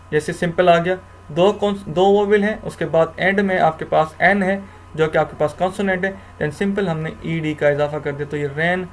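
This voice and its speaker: A man's voice: a little high, slight background noise. A man giving a grammar lecture, explaining rules step by step in a mix of Hindi and English, often repeating himself and restarting. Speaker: teacher.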